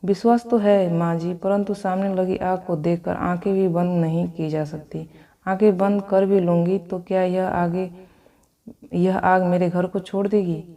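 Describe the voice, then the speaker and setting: A woman's voice: fairly low pitch, fairly even intonation, unhurried, warm tone, distant mic. A woman voicing a devout young wife in a devotional storybook tale, pleading and sorrowful in prayer.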